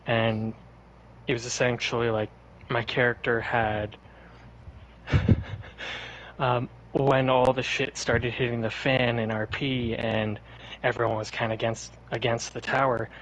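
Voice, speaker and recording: A man's voice: medium pitch, level tone, slow pace, pauses often, fairly bright tone, slight background noise, low-quality recording. A man guest on a podcast, telling stories in a rambling, laid-back casual way. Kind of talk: casual chat.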